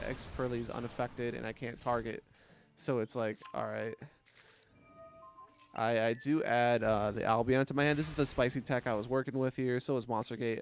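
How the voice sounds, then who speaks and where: A man's voice: mid-range voice, smooth. A man giving casual gameplay commentary, swearing often, mocking his opponents and laughing between plays. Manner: profane, trash-talking, laughs often. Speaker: gaming commentator.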